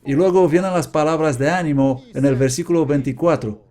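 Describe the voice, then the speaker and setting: A man's voice: a little high, fairly quick, dark tone. A man preaching a sermon, earnestly confessing and repeatedly questioning his congregation.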